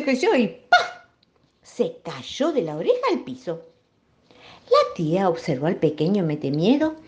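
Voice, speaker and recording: A woman with a Rioplatense accent reading a children's story, expressive and playful, asking the listener questions. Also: medium pitch. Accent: Rioplatense Spanish. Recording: dull lo-fi recording.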